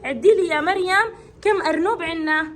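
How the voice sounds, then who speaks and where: A woman's voice: very high-pitched, brisk, a bit bright. A woman teaching a classroom of young children to count, coaxing and praising each child in turn. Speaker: kindergarten teacher.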